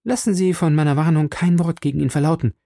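A man's voice: on the high side, fairly even intonation, creaky, dark tone, no echo, studio quality, pitched above the performer's own voice. Man voicing a desperate young woman. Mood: urgent. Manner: urgent, pleading, hurried. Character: urgent young woman on a lonely moor.

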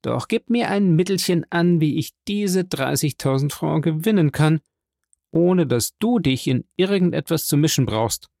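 A man's voice: on the high side, animated, a little slow, creaky, a little mellow, no echo, studio quality, pitched above the performer's own voice. A man voicing a greedy, scheming male ex-convict who needles and wheedles, in a storybook reading.

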